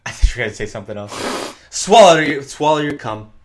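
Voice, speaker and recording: Young male podcast co-host, casual, profane, rambling and loud. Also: a little high, animated, a little fast. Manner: swearing, rambling, loud on purpose. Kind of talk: casual chat.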